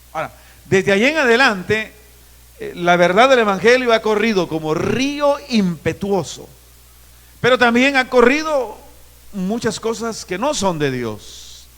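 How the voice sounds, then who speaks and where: A man in his fifties from Guatemala, a pastor preaching a sermon with emphatic, drawn-out phrases in a church. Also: high-pitched, fairly bright tone. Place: church sanctuary. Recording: long reverb of a church hall.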